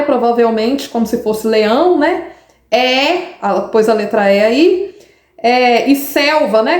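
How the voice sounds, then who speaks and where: A Brazilian woman, a literacy teacher, patiently explaining her pupils' writing samples and checking in with the listener as she goes. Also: high-pitched. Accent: Brazilian Portuguese. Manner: patient, explanatory, frequent tag questions. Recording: echoey room.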